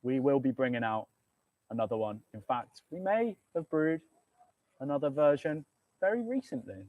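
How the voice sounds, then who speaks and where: A man's voice: mid-range voice, animated, normal speed, no echo, narrow, tinny audio. A man with a British accent, a brewer hosting a live beer tasting, talking casually with many ums and laughs. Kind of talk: casual live-stream chat.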